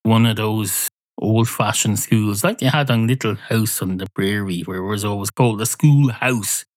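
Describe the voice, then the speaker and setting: A man's voice: on the low side, moderate pace, no room sound. Dry, sardonic Irish man. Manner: dry, sardonic, mock-earnest asides. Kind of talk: comic monologue.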